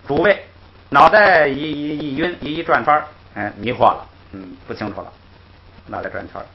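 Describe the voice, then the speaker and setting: A man teaching a grammar class, explaining patiently, repeating himself and chuckling softly between points. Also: a little high, normal speed, vocal fry. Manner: patient, repetitive, punctuates with "hey" and soft chuckles. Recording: dull lo-fi recording with faint noise.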